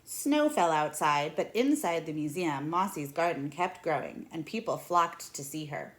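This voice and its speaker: In a small room at home, a woman in her thirties with a voice a little low for a woman reads a children's picture book aloud. She phrases things deliberately and expressively, like a storyteller.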